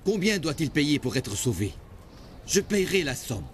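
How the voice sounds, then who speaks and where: A calm, defiant young nobleman in a dubbed period drama. His voice sits a little high and moves lively through its range. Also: a little slow, a little hiss or hum. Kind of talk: French dub of a historical series.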